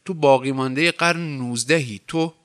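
A man's voice: medium pitch, a bit bright, clear, resonant tone, close to an everyday voice. A man reading aloud voices an idle, sardonic young man of twenty-eight with a mocking, detached way of talking.

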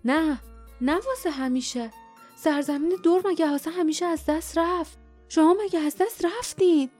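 A woman's voice: extremely high pitch, a little mellow, faint music behind, voice pushed up. A woman voicing a fiery young woman who speaks angrily and defiantly in a storybook reading. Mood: angry. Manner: angry, defiant.

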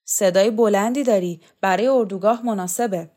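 A woman's voice: mid-range voice, darkish tone, lightly acted. A woman voicing a cold, domineering female commander who barks harsh, clipped orders, read in a storybook. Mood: commanding.

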